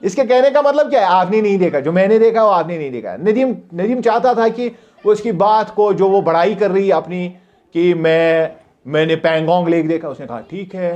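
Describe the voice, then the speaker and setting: Male teacher, lively sing-song delivery, reads English slowly and explains it, dull recording. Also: sits high. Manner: reads English lines slowly, then explains them in Hindi; asks the class questions and answers them himself.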